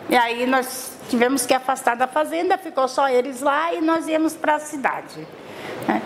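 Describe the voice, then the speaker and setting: A woman's voice: high-pitched, slight background noise. A middle-aged woman from Bahia telling her life story in an interview, chatty, with many tag questions and restarts. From Salvador, Bahia, Brazil. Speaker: interviewee, mother.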